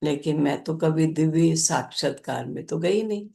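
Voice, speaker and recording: An older woman, a spiritual teacher, gently recounting a personal experience in a spiritual discourse. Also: deep voice, moderate pace, gravelly.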